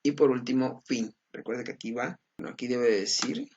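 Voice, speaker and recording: A man's voice: mid-range voice, normal speed, darkish tone, a little hiss or hum. A man teaching a recorded class, patiently explaining slides and checking in with his students. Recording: dull lo-fi recording.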